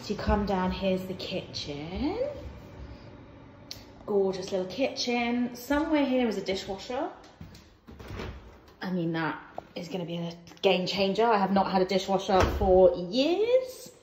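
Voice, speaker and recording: A woman in her thirties chats playfully as she walks through bare rooms, her voice rising and falling in an animated way. The phone recording is roomy and echoey, with a steady layer of noise underneath. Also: mid-range voice, a little slow, pauses often. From England. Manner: chatty, playful, lively tour-guide banter. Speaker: vlogger. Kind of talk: casual house-tour vlog. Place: empty house with bare rooms and wood floors. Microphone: phone held at arm's length and on a tripod.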